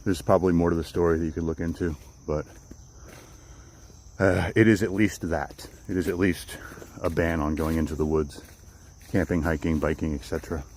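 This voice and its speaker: Hosting a woodland walk-and-talk stream, a deep-voiced man speaks at normal speed in a steady, darkish tone. He chats casually and rambles, repeating and restarting phrases, with faint crickets and nature ambience in the outdoor audio.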